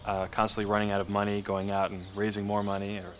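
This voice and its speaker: A man's voice: on the low side, monotone, fast talker, a bit bright, slight background noise. A man speaking as a film director in a behind-the-scenes interview, explaining his work in a reflective way.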